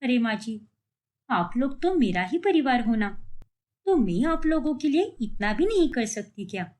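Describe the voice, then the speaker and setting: A woman doing a sharp-tongued young daughter-in-law. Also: fairly high pitch, sing-song, normal speed. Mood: lecturing. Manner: sharp, lecturing. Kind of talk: cartoon voice acting.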